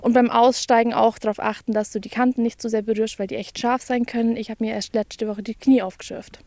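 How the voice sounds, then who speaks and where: A woman's voice: a little high, flat delivery, brisk, dark tone. A young woman giving casual, instructive interview answers outdoors into a handheld microphone. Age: young adult. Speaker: ice-bathing expert, guide. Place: outdoors on a snowy frozen lake. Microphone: handheld reporter microphone. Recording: noisy outdoor location sound.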